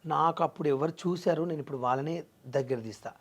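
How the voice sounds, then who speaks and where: A man's voice: fairly high pitch, quick pace. A young man, talking earnestly and emphatically as an interview guest, mixing in English phrases. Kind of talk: emotional personal interview.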